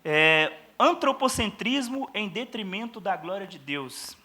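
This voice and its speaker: A man's voice: high-pitched, expressive, a little slow, pushed and bright. A man with a Brazilian Portuguese accent teaching a church seminary class in an informal, mocking tone, with many tag questions to the audience. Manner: informal, addresses the audience as brothers.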